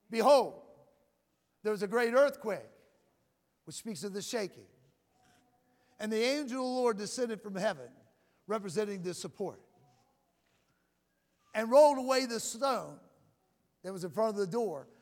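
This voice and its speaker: The high-pitched voice of a male preacher fills a church with long reverb and faint music as he delivers a loud sermon. He repeatedly prompts the crowd with "Amen?", repeating and stumbling over words while building to a shout.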